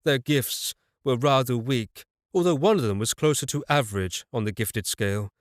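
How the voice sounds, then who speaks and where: A man's voice: medium pitch, moderate pace, no echo, studio quality. A man narrating a fantasy audiobook in the first person, telling it evenly with a wry touch.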